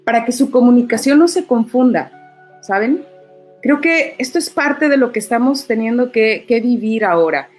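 A woman's voice: a little high, lively intonation, normal speed, darkish tone, soft background music. A middle-aged woman, a voice-over artist and teacher, talking in an interview and acting out quoted lines in a raised voice. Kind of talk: conversational interview answer.

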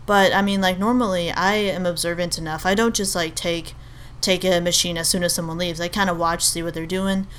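A young Albanian woman hosts a podcast, rambling in a casual, chatty monologue packed with fillers, restarts and self-corrections. Her lowish, slightly bright voice is steady and a little fast, with slight background noise.

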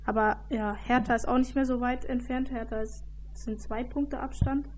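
A woman with a fairly high voice talks through the football table in a casual, hesitant way, pausing on filler sounds. Faint background noise runs beneath her. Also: steady tone, a little mellow. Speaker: football podcast co-host. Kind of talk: casual chat.

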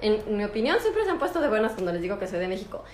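Speaking at a racing clip, a Mexican-accented woman doctor with a medium-pitched voice chats casually with livestream viewers, animatedly acting out what her patients say. The room is reverberant, with a little hiss or hum underneath.

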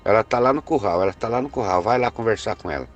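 A man's voice: on the low side, quick pace, lo-fi sound, faint music behind, close to an everyday voice. A man voicing a shaken older farmer who talks hesitantly and repeats himself.

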